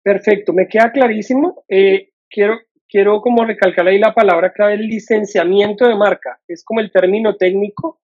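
A woman's voice: mid-range voice, steady tone, moderate pace, a little mellow, breathy edge. A woman hosting an interview who affirms and sums up the guest's points, then gives advice of her own. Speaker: host. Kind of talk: interview conversation. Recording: dull muffled audio.

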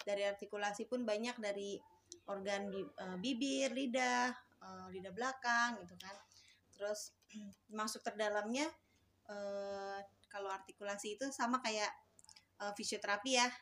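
A woman speech therapist explains her work casually, pausing often on fillers and restarting her sentences. Her voice sits at a middling pitch. A faint noise runs under the recording. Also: fairly bright tone. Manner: hesitant, many fillers and restarts.

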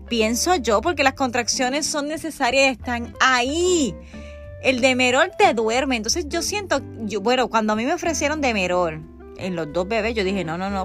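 A woman's voice: sits high, fairly bright tone. A woman in her thirties with a Puerto Rican accent, hosting a podcast in a candid, chatty way that speaks straight to the listener. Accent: Puerto Rican Spanish. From Puerto Rico. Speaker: podcast host. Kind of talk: casual podcast chat.

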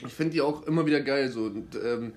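A young man co-hosting a casual rap chat, agreeable and chatty with lots of quick interjections. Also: mid-range voice, a little mellow. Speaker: podcast co-host.

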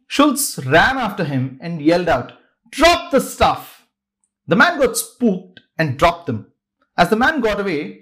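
A man narrates a scripted podcast story. His voice sits a little high and swings widely in pitch as he builds the drama. He shifts his pacing to suit the tale. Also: fairly bright tone. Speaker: podcast host.

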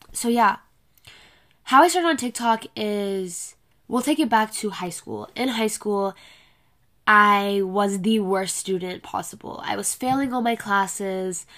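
An eighteen-year-old podcast host talks on her own show in a mid-range, fairly bright voice that sounds congested and nasal. Her casual solo chat is blunt and packed with swearing, captured on a laptop camera plus a separate microphone.

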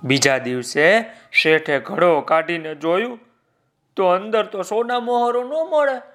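A man telling a children's story, lively and speaking directly to his young listeners. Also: high voice, a little slow, soft background music.

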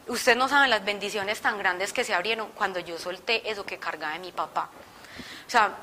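A woman's voice: mid-range voice, pushed and bright, a little hiss or hum. A young woman giving a personal faith testimony to a group, telling her story expressively and acting out her own past words. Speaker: testimony speaker.

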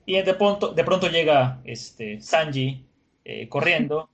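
A man's voice: on the high side, animated, takes it slowly, a bit bright, dull audio. A man casually recapping an episode as a podcast host, talking in a chatty way with lots of filler words and frequent laughter.

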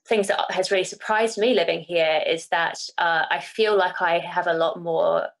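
A New Zealand woman with a low, creaky, slightly bright voice acts as interviewer in a casual interview chat. She comes across as thoughtful, hesitating with fillers.

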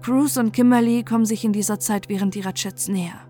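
A woman hosting a podcast, reading scripted true-crime narration in an even, measured way. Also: medium pitch, soft background music. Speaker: podcast host.

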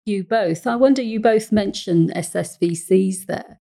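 A woman counsellor hosting a podcast, speaking in a calm, measured way with carefully chosen words and an English accent. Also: medium pitch, gravelly.

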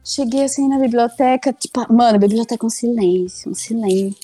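A woman's voice: fairly high pitch, fairly quick, no echo, faint music behind. A young woman tells a funny story casually, acting out her own lines. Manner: animated, acts out her own past lines.

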